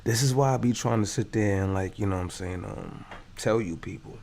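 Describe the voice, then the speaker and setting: A man's voice: on the low side, a little fast, vocal fry, a little mellow, a little hiss or hum. A man giving slangy, laid-back commentary while reading a news story aloud. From Brooklyn, New York. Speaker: commentary host.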